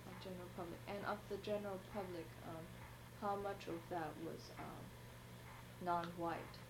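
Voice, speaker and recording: A woman interviewing an older man for an oral history project, calm and prompting with short acknowledgments. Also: fairly low pitch, normal speed. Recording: noisy archival tape with background hiss.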